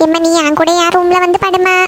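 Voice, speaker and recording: A woman's voice: extremely high pitch, little pitch movement, brisk. A woman voicing a young girl in a cartoon, scared and pleading with her mother. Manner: whiny and pleading. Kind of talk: cartoon voice acting.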